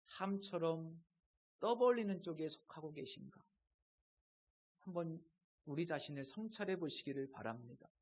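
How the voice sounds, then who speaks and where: Male pastor with a high voice, delivering a sermon with measured pauses and hushed emphasis. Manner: measured preaching with dramatic pauses and dips in volume.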